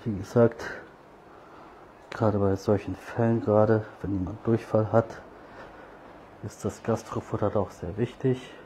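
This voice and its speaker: A man's voice: lowish voice, fairly even intonation, measured pace, long pauses, mellow, slight background noise. A man talking casually to street cats as he feeds them outdoors, coaxing and scolding them with a rising, sing-song voice when he calls them over. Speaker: cat feeder and channel host. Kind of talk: casual talk to cats while feeding.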